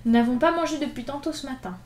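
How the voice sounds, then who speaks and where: A woman's voice: high voice, fast, a little mellow, pitched above the performer's own voice, lightly acted. A woman voicing a timid, polite small boy of about seven who speaks plaintively. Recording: echoey room.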